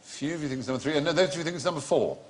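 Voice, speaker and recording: A man's voice: fairly high pitch, animated, rapid-fire, darkish tone. A man hosting a comedy quiz panel show in a studio, explaining answers with a genial, storytelling manner. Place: studio with live audience.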